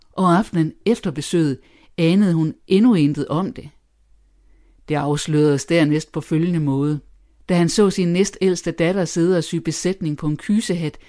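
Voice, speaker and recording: An audiobook narrator reading a classic novel in a measured, even way. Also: mid-range voice. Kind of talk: scripted literary narration.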